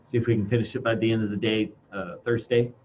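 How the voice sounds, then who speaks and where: A man teaching an informal classroom software demonstration, speaking haltingly through a face mask and thinking aloud as he goes. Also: on the low side, steady tone. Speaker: instructor. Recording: dull lo-fi sound, faint background noise.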